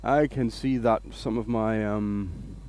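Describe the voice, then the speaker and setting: A man chats through a woodturning livestream from his workshop, greeting viewers by name as he goes. His voice sits a little low, and he takes his time, drifting from thought to thought. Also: fairly even intonation, takes it slowly, a little mellow. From Denmark. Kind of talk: casual livestream chat.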